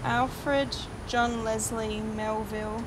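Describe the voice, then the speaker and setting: Young woman, paranormal vlog host, casual and chatty, slightly high voice, outdoor night recording with audible background noise. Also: level tone, slow. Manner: chatty, reading out names from headstones.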